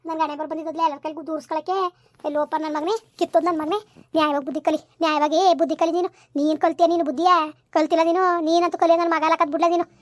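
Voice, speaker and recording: A woman's voice: very high voice, flat delivery, racing, no echo. A woman playing a furious village mother who scolds her son in a rural comedy skit, hurling repeated insults. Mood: scolding.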